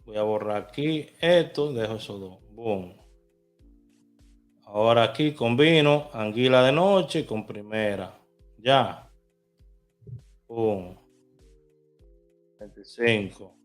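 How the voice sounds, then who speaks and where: A man's voice: fairly low pitch, slow pace, pauses often, soft background music. Chatty man walking through his bets. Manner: chatty, talks to viewers while placing lottery bets. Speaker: vlogger. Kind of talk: casual screen walkthrough.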